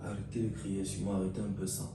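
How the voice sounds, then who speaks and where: A man's voice: sits low, quick pace, close to an everyday voice. A young man with a Cameroonian French accent playing a stubborn, insolent boyfriend who talks back. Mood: defiant. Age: young adult. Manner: insolent, calm then shouting back. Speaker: boyfriend in a comedy web series. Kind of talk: comedy web series acting. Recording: roomy echo, far from mic, light music.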